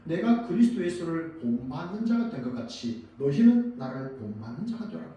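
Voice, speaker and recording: A man preaching in a church, his voice rather high and mellow. He asks the congregation questions and answers them himself, rising and falling in volume. The sound is heavily echoey and a little distant from the mic. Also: big pitch swings, moderate pace. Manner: dramatic rises and drops in loudness. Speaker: pastor. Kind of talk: sermon. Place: church sanctuary.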